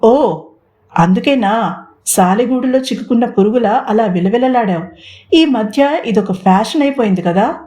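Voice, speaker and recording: A woman's voice: medium pitch, normal speed, dark tone, close to an everyday voice. A woman voicing a sarcastic, domineering young male boss who speaks bluntly and gives orders. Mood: mocking. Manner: mocking, blunt, commanding.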